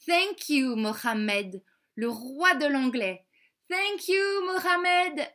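A woman voicing a young schoolgirl classmate in a storybook reading, with a bright, childlike lift. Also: sits high, animated, very slow, heavily acted. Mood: grateful. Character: young schoolgirl, upset then grateful classmate.

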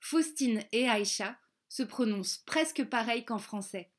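Woman, storybook narrator, slow careful delivery, slightly high voice, repeats words for learners. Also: lively intonation. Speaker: audiobook reader.

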